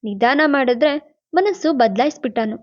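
A woman's voice: high-pitched, expressive, normal speed. A woman voicing a playful young man who teases the family. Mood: teasing. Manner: teasing. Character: joking young man, playful brother-in-law. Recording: dull lo-fi recording.

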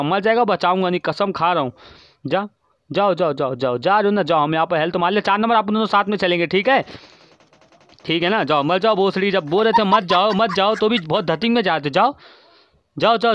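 A man giving profane, frantic commentary while playing an online shooter, constantly shouting at his teammates, recorded on a dull lo-fi mic. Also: high voice, dry recording. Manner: swearing, yelling at teammates. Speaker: gaming streamer.

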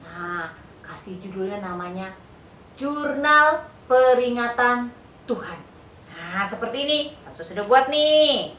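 A woman's voice: on the high side, animated, slow pace, fairly bright tone, far from the mic, slight background noise. A woman leading a children's Sunday school lesson, patient and coaxing, often checking that the kids follow along. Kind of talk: children's lesson over video. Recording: echoey room, voice a bit off-mic.

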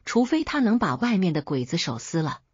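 A woman voicing a stern, angry old father who scolds gruffly, as read aloud in a story. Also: lowish voice, very animated, brisk, dry recording, muffled recording.

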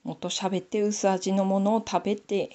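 Her pitch is medium and mellow, barely moving, and she talks at a normal speed. She's a Nanbu-accented woman from Aomori, Japan, chatting casually with herself over a sock she's knitting for the camera.

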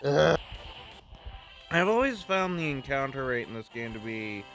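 A man's voice: mid-range voice, very animated, unhurried, fairly bright tone, soft background music, poor audio. A man giving casual, rambling let's play commentary, often interrupting himself, recorded on a phone. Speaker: gaming let's play host.

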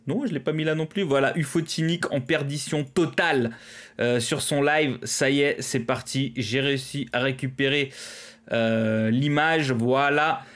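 A man's voice: mid-range voice, fairly even intonation, moderate pace, fairly bright tone. A French man hosting a live stream, chatting casually with lots of fillers and small laughs at his own fumbles.

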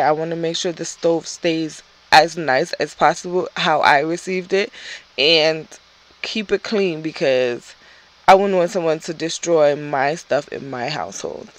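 A woman's voice: low voice, rough recording. A woman vlogger giving a chatty, easygoing voice-over about her cleaning habits. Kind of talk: casual voice-over narration.

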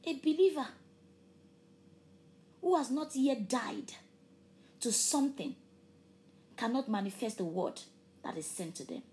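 An animated, slightly high-voiced woman preaches unhurriedly with long pauses, slight background noise behind her. She is preacher and host, speaks Yoruba as her first language, and gives a sermon with an altar call, fervently rising to loud emphatic peaks before dropping to hushed near-whispers.

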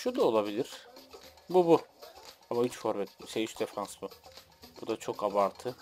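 A man streaming a football video game, giving casual, excitable commentary and talking to the game and his chat. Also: fairly low pitch, normal speed, faint music behind. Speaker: gaming streamer.

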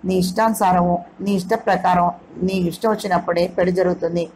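A woman's voice: lowish voice, fairly even intonation, a little fast, a little mellow, a little hiss or hum, lightly acted, rough recording. Lady narrator doing a teasing young guy, playful and amused, audiobook style. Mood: explaining. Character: young man, teasing and good-humored suitor.

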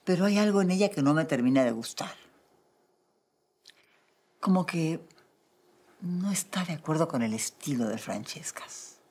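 A poised, faintly aloof woman restaurant owner. Her voice sits low for a woman yet rises and falls expressively, and her delivery stays measured. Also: animated, darkish tone, slightly rough, exaggerated voice.

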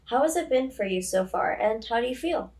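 A woman's voice: a little high, lively intonation, a little fast, a little mellow. A teenage girl hosting a student podcast interview, upbeat and reading from a script. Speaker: podcast host.

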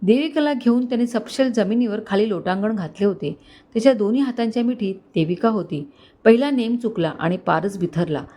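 A woman storyteller narrating a dramatic family story in an expressive, scripted reading. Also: medium pitch, a little fast.

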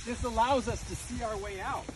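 A man's voice: very high-pitched, steady tone, fairly quick, noisy background. A man, the dad of the family, bantering and boasting in a casual family vlog, outdoors in a corn maze. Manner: joking, boastful and defensive.

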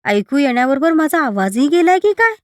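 A woman's voice: high-pitched, very animated, fairly quick, no room sound, studio quality, voice pushed up. A woman reading a story aloud, voicing a frightened young wife who has suddenly lost her hearing, pleading and distraught.

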